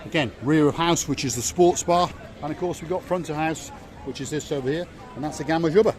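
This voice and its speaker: A middle-aged Welshman hosts a vlog, giving a chatty, jokey walking tour of a harbour at night and repeating words for emphasis. His voice is fairly high and fairly quick, with music playing and some chatter in the background.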